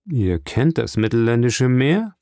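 A man reading an audiobook, voicing a doubtful, gruff ship's master who speaks in a skeptical, brisk way. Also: medium pitch, big pitch swings, warm tone, dry recording, studio quality. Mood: questioning.

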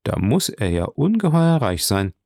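A man voicing a composed, watchful count in an audiobook, speaking in measured tones. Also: mid-range voice, sing-song, creaky, darkish tone, no room sound, studio quality.

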